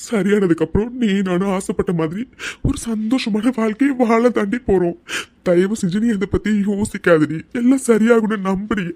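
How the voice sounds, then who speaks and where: A devoted young husband in a cartoon love story, coaxing his wife one moment and breaking down the next. A performer gives him a mid-range, mellow voice. The sound is dry and close. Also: medium pitch, no room sound, lightly acted. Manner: coaxing, then breaking into tears. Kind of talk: cartoon voice acting.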